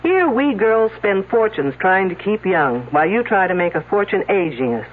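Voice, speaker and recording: Playing a confident detective in a vintage radio mystery, a woman jabs at everyone with sardonic quips. Her lightly acted, normal-speed delivery is lively, bouncing up and down in pitch, and the audio sounds thin and tinny.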